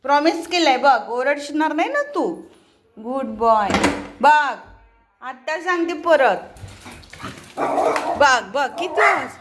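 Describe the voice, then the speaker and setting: A woman talks to her dog the way you'd talk to a toddler, coaxing and bargaining with it. Her voice sits high and she takes her time over each short phrase. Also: lively intonation, slow pace, pauses often, background noise. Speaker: vlogger. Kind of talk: casual pet vlog, talking to her dog.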